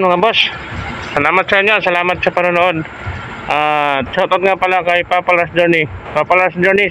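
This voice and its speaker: A Filipino man missing his lower front teeth, explaining casually and haltingly as a vlogger, repeating himself as he goes. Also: a bit bright, a little hiss or hum, poor audio. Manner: repetitive, halting, searching for words. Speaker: vlogger showing a homemade pump-type air gun.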